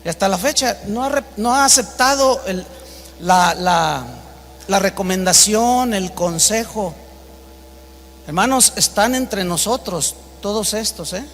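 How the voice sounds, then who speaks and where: High, bright-voiced Mexican man preaching in a hall. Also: measured pace, a little hiss or hum. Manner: emphatic preaching, acts out quoted exchanges in a raised voice. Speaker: pastor. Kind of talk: sermon. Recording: long reverb of a large hall.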